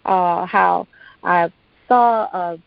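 A woman's voice: lowish voice, very slow, gravelly, no echo. Affirming woman, dull dry sound. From Texas. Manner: warm affirming, calls listener honey, storytelling. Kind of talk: faith-based conversational talk.

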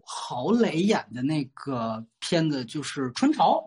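Casting: male talk host, rough-edged husky voice, very varied intonation, loose rambling questions. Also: a little high, big pitch swings, slow, darkish tone. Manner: rambling questions, often seeks agreement. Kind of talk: casual chat.

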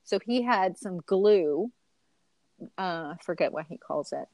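A woman's voice: on the low side, expressive, a little slow, darkish tone, no echo. A woman in her forties, a mother telling a chaotic family story as an interview guest, laughing often and acting out her own quotes.

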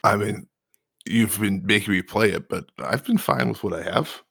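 A man's voice: lowish voice, normal speed, creaky, a bit bright, slightly rough. A man co-hosting a casual chat, adding precise, matter-of-fact corrections and literary references. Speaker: podcast co-host. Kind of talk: casual chat discussing a TV episode.

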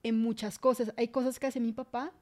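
A young woman co-hosting a casual podcast chat, speaking in a steady way and keeping the conversation on track. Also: fairly high pitch, a little fast, a crowd in the background. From Miami, USA. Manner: steady, keeps the conversation moving. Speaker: co-host.

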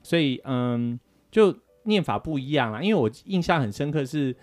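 A man's voice: mid-range voice, animated, normal speed. A man from Taiwan, co-hosting a casual talk show and explaining things with lots of fillers. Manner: chatty, explains with many fillers. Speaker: co-host. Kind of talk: casual radio chat.

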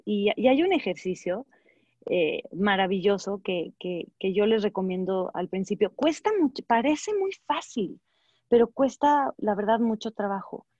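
A woman's voice: mid-range voice, mellow, dry recording. A woman with a Mexican accent giving conversational advice as a guest, acting out little dialogues, with many fillers and restarts. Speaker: guest advisor. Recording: dull lo-fi dry sound.

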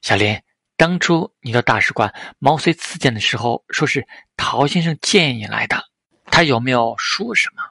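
A man voicing an older male official with a deep, full voice, speaking in an earnest, measured, fatherly way. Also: expressive, gravelly, sharp tone, dry recording, heavily acted.

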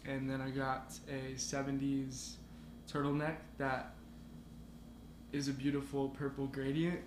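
A man's voice: medium pitch, monotone, unhurried. A young man as a podcast guest, talking in a laid-back, rambling way full of fillers. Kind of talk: casual chat. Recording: echoey room with background noise.

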